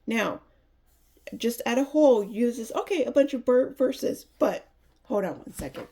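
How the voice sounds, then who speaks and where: Chatty woman with a gravelly nasal voice. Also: fairly high pitch, animated, a little slow, dark tone, a little hiss or hum. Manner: chatty, enthusiastic, restarts often. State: nasal from allergies. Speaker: Bible reviewer. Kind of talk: casual product review.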